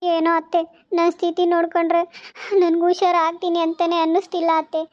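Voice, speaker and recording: A woman voicing a tearful, despairing bedridden young wife, soft and weepy. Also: very high-pitched, completely flat delivery, brisk, dry recording. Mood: sad. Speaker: cartoon voice actor. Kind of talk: cartoon voice acting. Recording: dull lo-fi recording.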